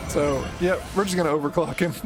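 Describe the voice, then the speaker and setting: Male gaming host: higher-pitched, wry, slangy, informal playthrough commentary over clear game music. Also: moderate pace. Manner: joking, slangy, wry reactions. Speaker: gaming video host playing through a game. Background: game music and effects.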